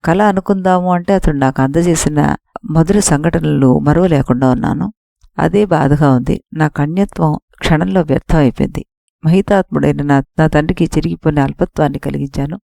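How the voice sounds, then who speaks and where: A woman's voice: sits low, normal speed, creaky, warm tone, dry recording, studio quality. A woman voicing a young princess grieving in shame, read as part of an audiobook story. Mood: anguished. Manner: grieving, self-reproaching.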